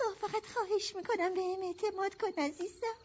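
A very high, trembling voice of a nervous amateur sleuth pleading with her sister. The dub track sounds dull and lo-fi. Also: fairly even intonation, a little mellow. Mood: earnest. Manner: pleading, tremulous. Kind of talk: dubbed film acting.

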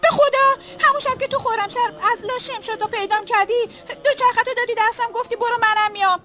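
An actress playing a stubborn, quick-tempered young woman who argues back defiantly, in a drama. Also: extremely high pitch, fairly even intonation, pushed and bright, highs cut off. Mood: pleading. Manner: quarrelsome, defiant retorts. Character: stubborn, sharp-tongued young woman, easily angered. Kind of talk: broadcast drama acting.

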